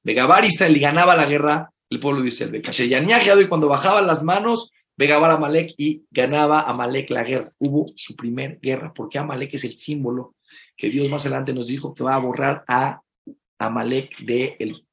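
A rabbi teaching Torah in a sermon, mixing Hebrew phrases into his Spanish, emphatic and shifting from soft, intimate asides to loud exclamations. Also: mid-range voice, brisk, creaky.

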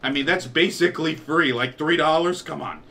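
A man's voice: on the high side, normal speed, vocal fry, bright, forceful tone, slight background noise. A man co-hosting a casual gaming podcast, explaining at length in a rambling, hesitant way. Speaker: podcast co-host.

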